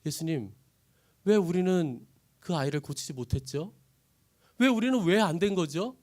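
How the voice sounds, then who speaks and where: A man's voice: on the high side, animated, moderate pace, a little mellow, close to an everyday voice. Puzzled disciples, voiced by a man in a sermon ask their questions in a slightly raised, bewildered tone. The voice stays near his own but leans anxious.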